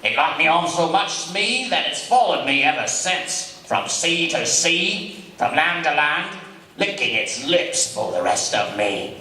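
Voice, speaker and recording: A man's voice: on the high side, big pitch swings, a little slow, sharp tone, exaggerated voice. A man playing a vengeful, theatrical villainous pirate captain with blustering delivery in an old-time radio play. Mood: fearful brooding. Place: large hall, live stage show. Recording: very echoey hall, distant microphone.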